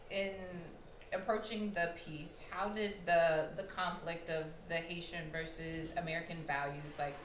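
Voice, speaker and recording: A woman moderating a theater panel, asking questions casually with many filler words. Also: sits low. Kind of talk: panel discussion. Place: small theater stage, indoors. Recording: roomy hall, faint noise.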